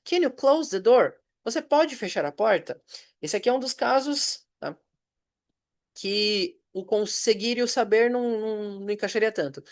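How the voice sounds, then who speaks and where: A Brazilian man who teaches English, giving a patient recorded review lesson. He reads example sentences slowly and checks in with short questions. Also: sits high, expressive. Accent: Brazilian Portuguese.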